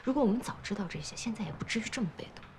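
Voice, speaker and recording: A woman's voice: on the high side, expressive, very fast, heavy background noise, close to an everyday voice. An actress playing a worried female colleague who presses her boss for answers. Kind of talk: television drama acting.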